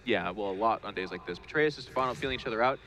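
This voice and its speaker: A man's voice: fairly low pitch, very fast, pushed and bright. A man giving live analysis of a video game match, easygoing and joking as he explains the players' choices. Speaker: esports caster.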